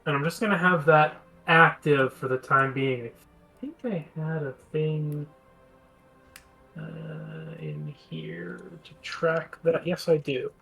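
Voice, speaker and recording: Bright-voiced man weighing his moves. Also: a little high, sing-song, takes it slowly, vocal fry, faint music behind, low-quality recording. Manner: thinking aloud, methodical about rules. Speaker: player. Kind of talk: playing a tabletop game.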